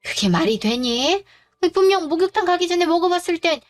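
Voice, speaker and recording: A woman voicing a fussy older mother-in-law who speaks in a shrill, indignant way. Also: animated, a little fast, faint music behind.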